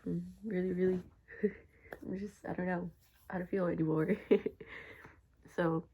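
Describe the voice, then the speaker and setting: A woman's voice: lowish voice, flat delivery, moderate pace, dark tone, breathy edge. A young woman with a congested, nasal voice talking casually to camera in a personal vlog, informal and slangy. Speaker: vlogger.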